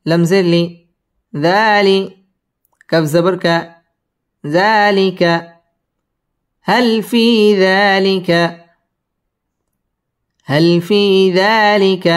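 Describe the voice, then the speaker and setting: A man teaching Quran recitation with tajweed, spelling out each verse and then chanting it slowly and melodically between brisk explanations. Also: on the high side. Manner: slow drawn-out melodic recitation alternating with quick spoken explanations.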